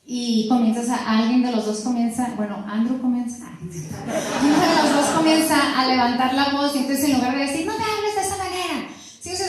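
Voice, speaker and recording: A middle-aged woman teaching a church class on marriage, talking in a lively, conversational way and acting out bits of dialogue. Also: high voice. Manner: lively and conversational, with laughs and acted-out quotes. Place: church hall. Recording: very echoey room.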